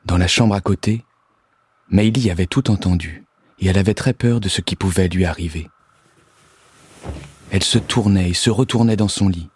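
A man calmly reading a children's story aloud in a measured, scripted narration. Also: sits low, slightly rough.

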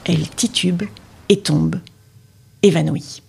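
A woman reading her own children's storybook aloud, with expressive, gently dramatic narration. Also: low voice, takes it slowly, creaky, a little hiss or hum. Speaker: storyteller and author.

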